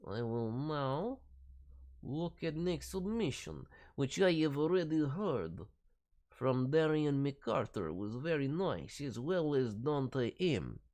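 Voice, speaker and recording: A male voice director hosts a casual livestream critiquing demo reels, giving playful feedback full of cutesy turns of phrase. His voice is fairly high and a little mellow, with a sing-song quality and a slow pace.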